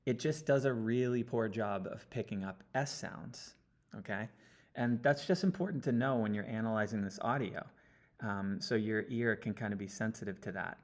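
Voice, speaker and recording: A man talking through an audio analysis step by step, often checking in with a quick "okay?". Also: lowish voice. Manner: explanatory, checks in with frequent "okay?". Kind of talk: screen-recorded audio analysis walkthrough. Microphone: computer mic, sitting close.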